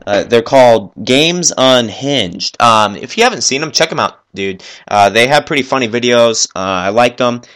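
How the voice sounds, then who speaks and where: A man hosting a solo gaming podcast, talking fast and enthusiastically in a rambling, off-the-cuff way while working at his computer. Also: medium pitch, animated, fairly bright tone. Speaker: podcast host.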